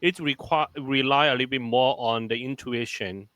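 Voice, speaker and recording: Composer guy talking it out, keeps restarting, bright voice, dry close sound. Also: medium pitch, steady tone, normal speed, no echo. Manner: searching for words, restarting phrases. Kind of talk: conversational discussion.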